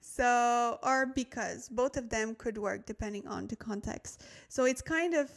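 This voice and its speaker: A woman's voice: on the high side, a little slow, vocal fry. A woman hosting a casual livestream language lesson, chatting directly to viewers and thinking aloud as she checks and corrects herself. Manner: addresses viewers directly, thanks new followers.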